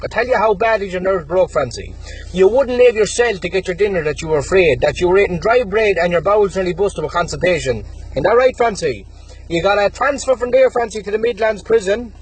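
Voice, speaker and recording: A young Irish man in his twenties with a notably high, rough and husky voice launches into an angry callout rant. He taunts and threatens his rival, hammering the same name over and over. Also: poor audio. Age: 20s. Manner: aggressive, taunting, threatening, repeats the target's name again and again.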